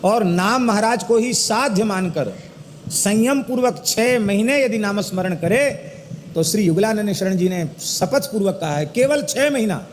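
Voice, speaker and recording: A middle-aged man giving a religious discourse, chanting verses slowly and then explaining them with animated emphasis. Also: sits high. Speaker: spiritual teacher giving a discourse. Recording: echoey hall with faint ambient noise.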